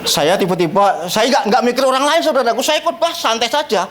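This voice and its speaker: Male pastor, animated and funny storyteller, swooping lively delivery, higher voice, church sermon. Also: brisk, crowd noise. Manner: animated, joking, laughs often at his own stories.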